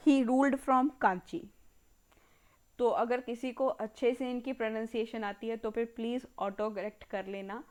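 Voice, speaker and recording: Woman, Indian accent, history lecture, unhurried delivery, repeats terms for dictation, Hindi mixed with English. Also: a little high, steady tone, darkish tone. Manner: slow, repeats and dictates key terms while writing. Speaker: history teacher. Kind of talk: exam-prep lecture.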